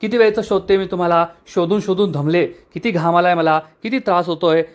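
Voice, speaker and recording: A man voicing a brash, impatient young servant woman who complains in a whiny, hurried way. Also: sits high, close to an everyday voice. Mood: irritated nagging.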